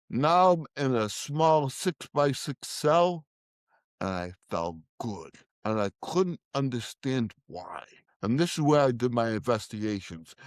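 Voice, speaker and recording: A man's voice: medium pitch, no echo. A middle-aged man, a guest telling his life story and acting out the quoted voices. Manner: emotional storytelling, acts out quoted dialogue. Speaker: podcast guest. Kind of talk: storytelling interview.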